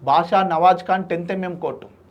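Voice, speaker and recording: A man, telling an emotional story in an interview, animated and acting out the voices of people he quotes. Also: sits high, fairly quick, muffled recording. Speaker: social activist guest.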